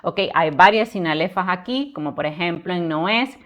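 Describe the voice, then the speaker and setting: A woman's voice: on the low side, animated, moderate pace, a bit bright, dull audio. A woman teaching literature, explaining poetic meter and counting syllables aloud to her viewers. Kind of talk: recited poem, then lesson.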